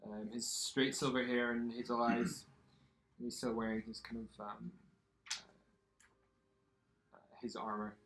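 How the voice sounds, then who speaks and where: A man's voice: medium pitch, little pitch movement, takes it slowly, pauses often, a bit bright, echoey room. A man narrating a tabletop game as game master, hesitant with many fillers.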